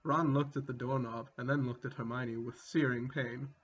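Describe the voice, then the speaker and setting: A man gives a comedic, mock-dramatic reading with casual sweary asides, amused and prone to bursting into laughter. His medium-pitched voice has fairly even intonation and a moderate pace, over dull lo-fi sound with music behind and a little hiss or hum.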